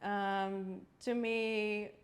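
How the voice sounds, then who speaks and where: Woman guest, measured and reflective, quick to laugh, mid-pitched voice. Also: level tone. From Latvia. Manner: thoughtful, searching for words, laughs often. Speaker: interior designer guest. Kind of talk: podcast interview.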